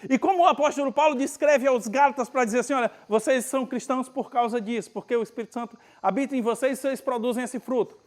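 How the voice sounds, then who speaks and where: A male pastor with a northeastern Brazilian Portuguese accent preaches conversationally at a retreat, acting out Bible scenes in lively everyday language. His voice is very high, and he speaks fast with few pauses.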